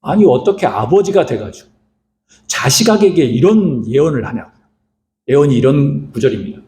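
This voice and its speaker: Animated male pastor in an echoing church. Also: medium pitch, moderate pace, a little hiss or hum. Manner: asks the listeners rhetorical questions and acts out quotes. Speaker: guest pastor. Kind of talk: sermon. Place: church sanctuary.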